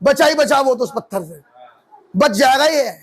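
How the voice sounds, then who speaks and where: A man's voice: very high-pitched, animated, normal speed, husky. A man as pastor, preaching a sermon with emphatic rising questions to the congregation.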